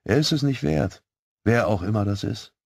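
A man's voice: fairly low pitch, lively intonation, moderate pace, vocal fry, darkish tone, no room sound, clean studio sound. A man reading the lines of a young woman, an aspiring actress, in a slightly raised voice within a storybook. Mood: worried.

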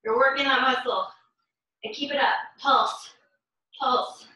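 Exerting herself as she goes, a young adult woman acts as an urgent, encouraging gym coach for a workout at home, calling out brief repeated commands and counts. She sounds high-pitched, bright and forceful, with fairly even intonation and an unhurried pace. The camera capturing her sits a few metres away in the living room, giving a very echoey, distant sound.

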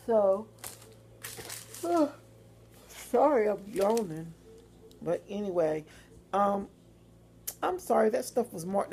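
A woman's voice: mid-range voice, creaky, a little mellow, a little hiss or hum. A woman chatting casually in a rambling, informal way for a home haul video. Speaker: vlogger. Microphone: phone or webcam.

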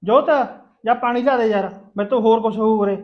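A man's voice: sits high, fairly even intonation, brisk, highs cut off, lightly acted. A man playing a put-upon husband who grumbles and threatens back in arguments. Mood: grumbling.

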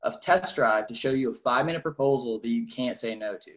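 Man, early twenties, car salesman, persuasive rehearsed sales pitch. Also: a little fast, highs cut off. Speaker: car salesman and military veteran in training.

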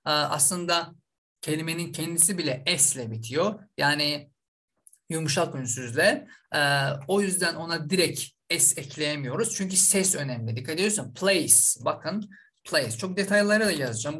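A man's voice: on the high side, normal speed, sharp tone. A man from Azerbaijan, teaching an online language lesson and drilling each word over and over, with a frequent "okay?" to check in. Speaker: English teacher.

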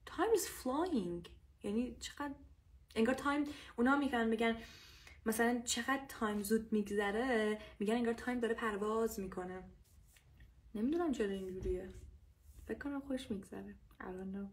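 A woman teaching English in a casual livestream lesson, speaking with a Persian accent and slowly repeating each English phrase for learners. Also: a little high.

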